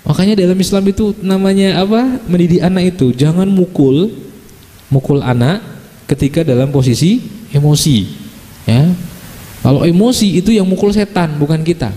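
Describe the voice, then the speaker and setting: A man's voice: high-pitched, normal speed, mellow, in a large hall. A male Islamic preacher giving a humorous, chatty religious lecture, peppered with little tag questions to the audience. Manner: chatty, joking, with frequent "ya" and "gitu kan" tags.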